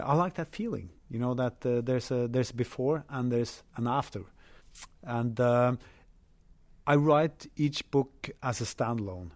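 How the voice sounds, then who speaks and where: A male author answering interview questions in a hesitant way, with many pauses and restarts. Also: mid-range voice, a little mellow. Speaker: author, guest.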